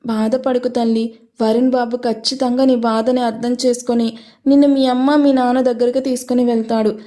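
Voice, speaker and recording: Woman voicing a gentle old grandmother nanny. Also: a little high, level tone, moderate pace, natural voice. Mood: soothing. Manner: gentle, soothing, motherly. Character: elderly woman, the family's warm old nanny.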